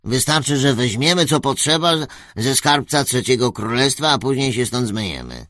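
A man's voice: mid-range voice, expressive, normal speed, fairly bright tone, no room sound, clean studio sound, pitched above the performer's own voice, lightly acted. A man voicing a wary, sly adventurer in a storybook reading, talking things over carefully. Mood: scheming.

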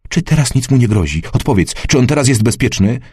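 A man voicing an anxious, indignant middle-aged woman who presses with sharp questions in an audiobook. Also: medium pitch, animated, fairly quick, husky, no echo, studio quality, voice pushed up. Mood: urgent indignant.

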